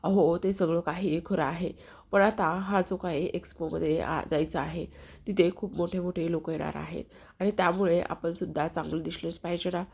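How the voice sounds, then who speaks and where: A woman narrator voicing a fretful middle-aged wife fussing over what to wear, in her own husky voice. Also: on the low side, fairly even intonation, moderate pace, a little mellow. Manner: pleading, fretful. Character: fussy middle-aged wife choosing sarees.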